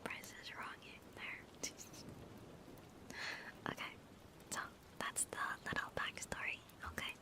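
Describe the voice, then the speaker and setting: A woman livestreamer in a whispered ASMR stream chat, softly thanking viewers and halting with fillers. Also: low-quality recording.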